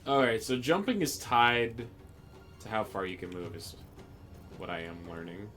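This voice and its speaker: A man giving casual live commentary on a video game, musing aloud in a halting way as he plays. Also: on the low side, pushed and bright, soft background music. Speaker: game streamer.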